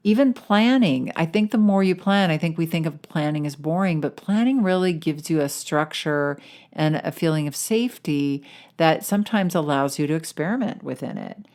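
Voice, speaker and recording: A woman's voice: deep voice, expressive, moderate pace, darkish tone. A woman hosting a podcast as a weight-loss coach, talking in a casual, enthusiastic and encouraging way.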